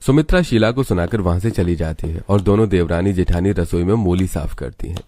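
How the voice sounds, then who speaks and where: A man narrating a cartoon family story in a steady, matter-of-fact way. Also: low-pitched, brisk, no echo, clean studio sound.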